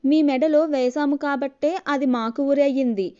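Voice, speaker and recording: A woman's voice: sits high, steady tone, normal speed, warm tone, voice pushed up, lightly acted. A woman storyteller voicing an exasperated young husband who scolds his wife in raised lines. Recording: dull lo-fi recording.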